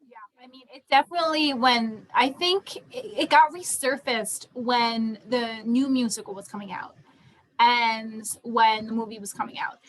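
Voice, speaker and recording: A young adult woman leads a casual student theatre group discussion, speaking emphatically and conversationally and repeating points to stress them. Her voice is fairly high and fairly bright at a moderate pace, captured on a low-quality recording.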